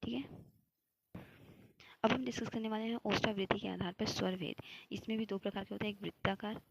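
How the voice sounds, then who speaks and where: Woman, young adult, exam-prep teacher, gravelly, husky, steady lecture pace. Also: mid-range voice, brisk. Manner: explains step by step, asks and answers her own questions. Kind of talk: classroom lecture.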